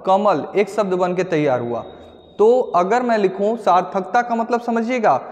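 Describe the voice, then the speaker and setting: A man's voice: high-pitched, moderate pace, a little mellow, big-room sound. A man teaching an exam-prep grammar lesson, explaining step by step with worked examples and speaking to viewers as friends.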